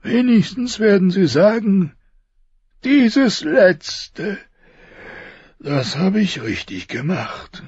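A man voicing a dying, wounded king who speaks in a strained, pained way with loud outbursts. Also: high voice, lively intonation, very slow, pauses often, breathy edge, no room sound, dull audio, voice pushed up, full character voice. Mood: pained, bitter. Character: dying wounded male king, gruff and bitter. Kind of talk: audiobook character voice.

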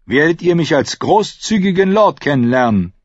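Ein Mann liest einen arroganten jungen Lord, spöttisch und befehlend, in einer Hörbuchlesung. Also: male voice, on the high side, very animated, moderate pace, no echo, muffled recording, pitched above the performer's own voice. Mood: scornful, commanding. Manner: mocking, commanding. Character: arrogant young male usurper lord. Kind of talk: audiobook reading.

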